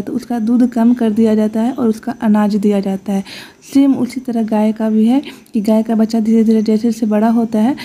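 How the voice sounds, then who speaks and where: A woman's voice: on the high side, warm tone. A young woman vlogger talking casually to her viewers, earnestly explaining and defending her ways. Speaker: village vlogger. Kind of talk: casual voice-over vlog.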